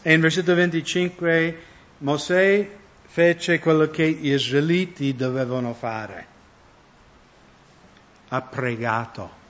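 A man's voice: on the high side, steady tone, slow, pauses often. A man preaching a conversational sermon, often asking his listeners questions. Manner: conversational, asks the audience questions. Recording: dull lo-fi recording.

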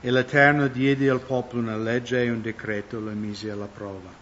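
A man's voice: medium pitch, flat delivery, moderate pace, fairly bright tone, slight background noise. A man preaching a conversational sermon, often asking his listeners questions. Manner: conversational, asks the audience questions. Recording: dull lo-fi recording.

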